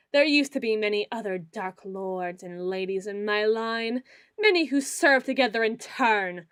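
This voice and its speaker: In an ASMR roleplay, a woman plays a pompous, socially awkward figure who calls himself a lord of shadows, using grandiose, archaic phrasing and dramatic pauses. Her voice is a little high, fairly bright, clear and resonant, recorded dry at studio quality.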